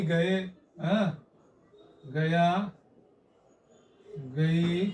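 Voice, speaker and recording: Guy teaching grammar, high voice, keeps asking haan? theek hai?, echoey room from far off. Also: a little mellow, a little hiss or hum. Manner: explains slowly, repeats and checks with "haan?" and "theek hai?". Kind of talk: classroom lesson.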